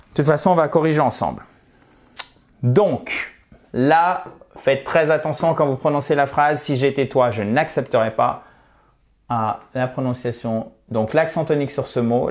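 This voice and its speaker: Male teacher, casual online lesson, chatty, reassuring, friendly asides. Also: medium pitch. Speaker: English teacher.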